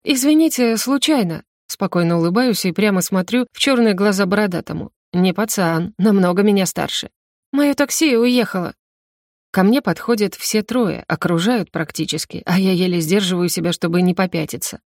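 A woman narrating a story in the first person, with steady tension. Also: on the low side, brisk, hardly any pauses, dry recording, studio quality. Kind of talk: audiobook narration.

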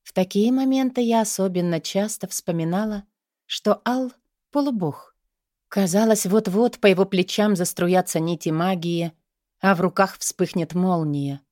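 A woman reading a first-person romance novel aloud in a measured, expressive voice. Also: mid-range voice, no room sound, clean studio sound. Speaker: audiobook narrator.

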